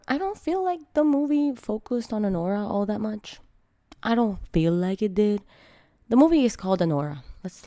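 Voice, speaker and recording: A woman vlogger speaking in a casual, candid way, her voice worn from being sick, blunt and quick to swear as she gives her opinion. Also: medium pitch, mellow, no room sound, studio quality. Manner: frank, frustrated, self-mocking. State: sick, voice strained by illness. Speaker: vlogger reviewing a film.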